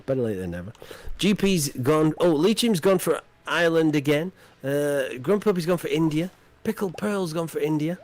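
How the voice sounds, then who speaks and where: A man hosting a chat quiz on a live game stream, playful and teasing, with jokey asides between questions. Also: a little high.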